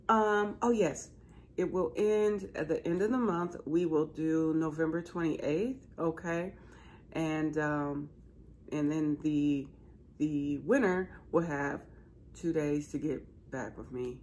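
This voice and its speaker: Low-voiced, exuberant American woman vlogger. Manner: exuberant, folksy, repeats words for emphasis. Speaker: host of a crochet channel. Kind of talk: casual chatty vlog to subscribers. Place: small living room, indoors, seated on a couch.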